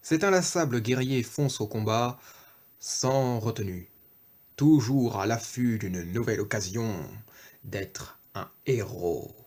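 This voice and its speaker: A man's voice: medium pitch, unhurried, darkish tone. A man giving a casual off-camera toy review, hesitant, with many fillers and self-corrections.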